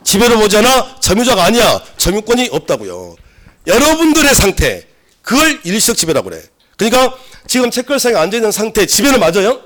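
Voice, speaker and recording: Male lecturer, higher voice, loud and animated, quizzes the class, a touch hoarse from a cold. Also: brisk. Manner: lively, loud, asks the class questions. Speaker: civil law lecturer. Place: lecture room.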